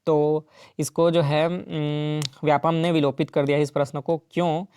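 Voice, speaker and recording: With little pitch movement, a man on the higher side explains exam questions step by step at a moderate pace. His tone is warm and smooth, the recording dry and studio quality, and he keeps checking in with the listener through "ठीक है" and "है ना".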